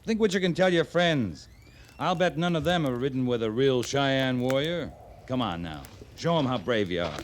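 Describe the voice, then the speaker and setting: An actor playing a steady, fair-minded cavalry captain in a radio western, calm and plain-spoken. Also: male voice, medium pitch, moderate pace, lightly acted. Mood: coaxing. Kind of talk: 1950s radio western acting. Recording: old radio drama, light noise.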